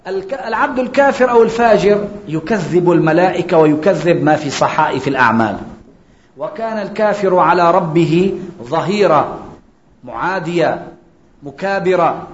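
High-voiced preacher. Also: male voice, lively intonation, slight background noise. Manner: explanatory, slows for quotations. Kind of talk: sermon. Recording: echoey dull lo-fi recording.

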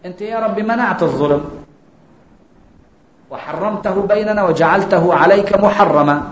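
A man preaching a sermon, explaining each point and slowing down for quotations. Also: sits high. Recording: echoey dull lo-fi recording.

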